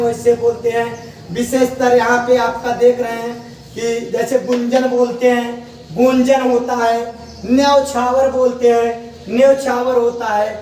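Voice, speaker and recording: A man teaching a spelling lesson, slowly drawing out each word and asking his students to repeat it. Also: very high-pitched. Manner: slow, drawn-out repetition of words, often asks students back. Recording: echoey room from far off, faint noise.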